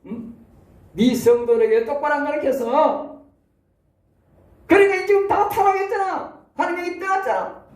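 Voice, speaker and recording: A pastor voicing God thundering in rebuke. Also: male voice, extremely high pitch, normal speed, pauses often, darkish tone, voice pushed up. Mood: furious scolding. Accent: Gyeongsang Korean. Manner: thundering rebuke, repeated insults. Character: angry God scolding a negligent pastor. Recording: echoey room, mic at a distance.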